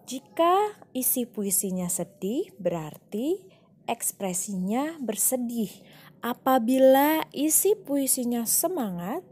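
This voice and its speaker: Lady teacher explaining stuff to little kids real slow and patient, acts out the examples. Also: on the high side, mellow, slightly rough. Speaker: primary school teacher. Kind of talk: recorded online class lesson.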